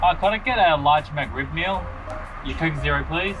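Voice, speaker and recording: A man's voice: a little high, normal speed, over music, rough recording. A man with an Australian accent politely ordering food at a drive-through from his car, with casual fillers. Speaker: food reviewer. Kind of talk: casual vlog chat.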